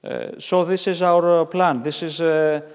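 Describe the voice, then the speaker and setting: A man's voice: a little high, steady tone, measured pace, long reverb tail. A man who organizes a church project, speaking hesitantly in a documentary interview. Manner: hesitant, with many fillers and restarts.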